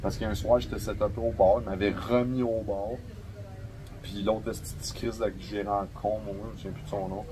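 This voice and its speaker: A young adult man with a Québécois French accent, a podcast guest telling stories in a slangy, profane, animated way. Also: on the low side, moderate pace, noisy background. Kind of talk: casual storytelling chat.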